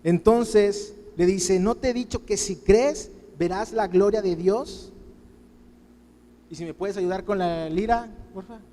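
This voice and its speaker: A high-pitched man delivers a fervent sermon, slipping into the voices of the people he describes as he pleads with them. His voice rings out with a long hall reverb around it, as from a church. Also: measured pace, mellow. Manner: impassioned preaching, voicing people's pleas in quotes. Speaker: pastor.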